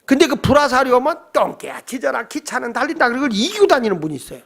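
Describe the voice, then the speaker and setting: A male pastor delivers a night-service sermon in a church with a gravelly, rough-edged voice. He preaches with animated energy and keeps tossing questions out to the congregation. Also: extremely high pitch, fast.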